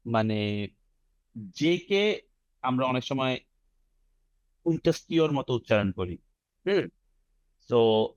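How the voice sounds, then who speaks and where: A man's voice: medium pitch, darkish tone, no room sound, lo-fi sound. Bangladeshi man drilling English pronunciation. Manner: drills words syllable by syllable, mixing English phrases into his explanations. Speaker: IELTS teacher. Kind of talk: online class teaching pronunciation. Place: online video class.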